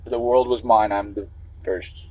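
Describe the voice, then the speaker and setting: A little slow and steady in tone, a lowish-voiced man from the Chicago area rambles through a livestream monologue while driving. He meanders, swears often and keeps restarting sentences, all on a low-quality recording.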